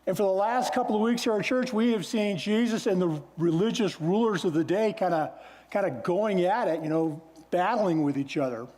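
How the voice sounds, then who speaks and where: A man preaching a sermon as pastor, in a relaxed, conversational storytelling way. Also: high-pitched, moderate pace. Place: church sanctuary. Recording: long church hall reverb.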